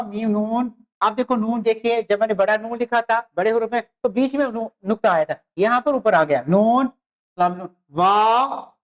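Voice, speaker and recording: A teacher giving a beginner lecture on the alphabet, naming letters slowly one by one, repeating them and speaking straight to the students. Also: medium pitch. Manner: addresses students directly with "dear students". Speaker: Urdu teacher.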